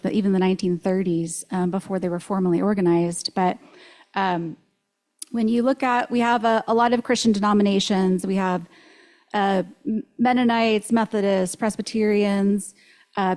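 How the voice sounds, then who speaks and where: A woman speaks as a guest at a spiritual center service, relaxed and conversational. She fills pauses with ums and restarts her sentences often. Her voice sits at a middle pitch. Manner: chatty, with many ums and restarts. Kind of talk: live talk to a congregation.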